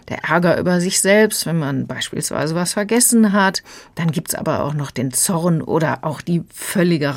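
A woman critic calmly explaining a children's audiobook in a radio conversation. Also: on the low side. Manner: calm, explanatory. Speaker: book critic.

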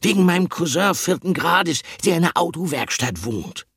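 Brief: eager know-it-all mouse, high and husky, voiced by a man, audiobook. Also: dry recording, exaggerated voice. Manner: excited, quick, high-pitched exclamations. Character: eager clever male mouse. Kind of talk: audiobook character reading.

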